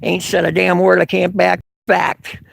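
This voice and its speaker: This livestreamer, filming local police outdoors from a street corner on a handheld camera, reads chat comments in an angry, profane rant broken by sarcastic chuckles. Yet his high, creaky, fairly bright voice stays completely flat and unhurried, recorded dry.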